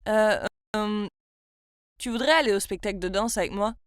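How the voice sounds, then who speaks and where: Woman doing a young boy, kind and protective, storybook, firm slow delivery, dry voice. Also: medium pitch, clear, resonant tone, dry recording, close to an everyday voice. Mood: shy.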